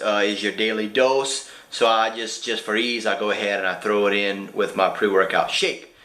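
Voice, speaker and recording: A young man talking quickly and chattily to the camera as a fitness vlogger. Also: medium pitch, fairly bright tone. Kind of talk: casual vlog talk. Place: gym.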